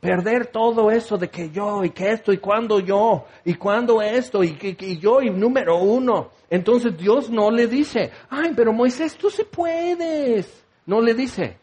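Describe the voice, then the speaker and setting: A male preacher delivers a sermon in a high-pitched voice. He talks in an animated way and slips into quoted voices to make his points.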